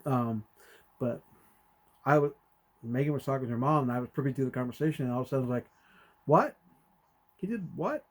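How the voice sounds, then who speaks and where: Animated storytelling man. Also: medium pitch, fast, pauses often. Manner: animated, acts out quotes with sudden loud jumps. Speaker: podcast co-host. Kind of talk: conversational storytelling.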